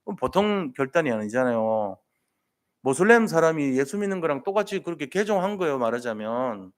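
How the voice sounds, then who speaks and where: A man's voice: on the high side, fairly quick. A man preaching a Sunday sermon in a church sanctuary, retelling scripture stories in plain everyday speech. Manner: colloquial storytelling, retells scripture scenes in lively everyday speech. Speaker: pastor.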